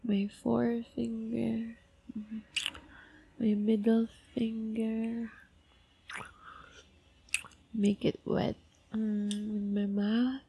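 Slow breathy whispering young woman. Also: on the high side, no echo.

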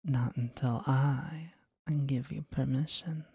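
Breathy, whispering low-voiced woman. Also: steady tone, slow pace, no room sound, studio quality. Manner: soft, teasing, commanding whisper. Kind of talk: whispered intimate ASMR roleplay.

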